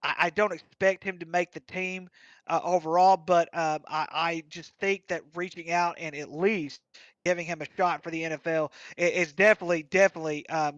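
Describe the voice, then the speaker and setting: A man's voice: high voice, a bit bright, dry recording, lo-fi sound. A man co-hosting a casual football podcast, talking through draft picks with many fillers and restarts. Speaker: co-host. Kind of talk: casual sports podcast chat.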